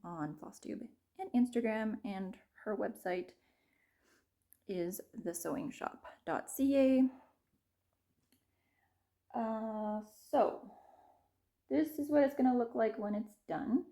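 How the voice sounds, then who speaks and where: A woman's voice: on the high side, slow pace, pauses often, dark tone. A woman showing her stitching projects in a casual chat, rambling and correcting herself, laughing at herself and sometimes dropping to a whisper. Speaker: cross-stitch vlogger. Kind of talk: casual show-and-tell.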